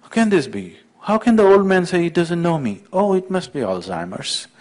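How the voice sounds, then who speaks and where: Man voicing an offended pope, high and pushy, indignant protests. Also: very animated, normal speed, a little hiss or hum. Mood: distraught. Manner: outraged, insistent, high-pitched protests. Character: indignant pompous male pope at heaven's gate.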